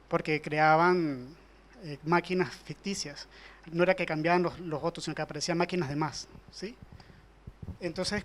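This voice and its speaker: Venezuelan man in the audience; high voice, urgent, long-winded question. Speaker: audience member asking a question. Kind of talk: question from the floor.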